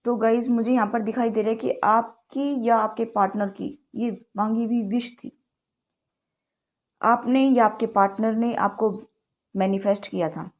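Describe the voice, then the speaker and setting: Speaking a little slowly in a slightly high, steady voice over dull audio, a woman with a sore throat delivers a chatty tarot reading straight to camera. She mixes English words into her Hindi and frequently addresses her viewers as "guys."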